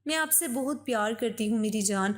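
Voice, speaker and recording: A woman's voice: on the high side, lightly acted. A woman voicing a timid, worn-out young wife in a spoken story. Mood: meek. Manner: soft, timid.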